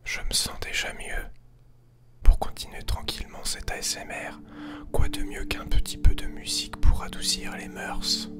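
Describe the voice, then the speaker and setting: A soothing ASMR whispered role-play performed by a young man as a parody relaxation guide. The voice is all breath, gentle and deliberately calm, delivered close to the microphone with music in the recording. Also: very high voice, voice pushed up. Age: young adult. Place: small bedroom with computer desk, indoors.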